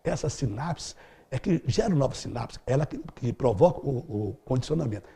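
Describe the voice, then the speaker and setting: A man's voice: mid-range voice, expressive, normal speed, vocal fry, mellow, slightly rough. A middle-aged man answering interview questions as a speed-reading instructor, explaining in a didactic way with vivid everyday examples.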